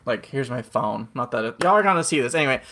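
A man's voice: medium pitch, expressive, fast talker, bright, forceful tone, a little hiss or hum. A man co-hosting a podcast, telling a rambling story with jokey asides in casual chat. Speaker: podcast co-host.

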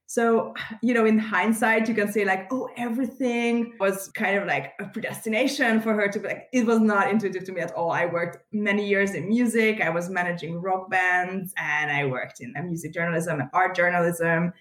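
A woman in her thirties from Hungary, a guest explaining at length in a relaxed, chatty way over a video call. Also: medium pitch, normal speed, hardly any pauses, reverberant. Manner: chatty, laughs easily, thoughtful explanations. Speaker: guest, community founder.

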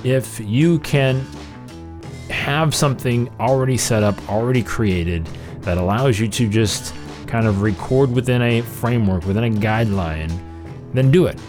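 A man's voice: mid-range voice, a little slow, music in the background. A man hosting a podcast with casual conversational commentary, rambling and interrupting himself as he emphasizes his points. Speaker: podcast host.

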